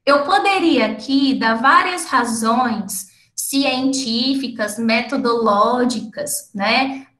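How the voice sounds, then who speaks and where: A woman's voice: a little high, takes it slowly, hardly any pauses, a bit bright, roomy sound. A woman from the interior of São Paulo state with a caipira accent, giving an explanatory academic talk and often checking in with her listeners. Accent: caipira, interior São Paulo Portuguese. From interior of São Paulo state, Brazil. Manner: explanatory, frequent tag questions. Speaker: lecturer.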